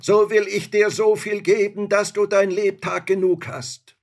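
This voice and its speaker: A man voicing a huge, arrogant male spirit from a bottle in a storybook reading, with drawn-out, booming shouts. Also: flat delivery. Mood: wheedling.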